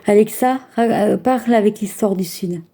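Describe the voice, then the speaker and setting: A woman's voice: mid-range voice, normal speed, mellow. A woman vlogger in casual chat, giving spoken commands and chatty asides, with some stumbles. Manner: chatty, stumbling, talking to a device.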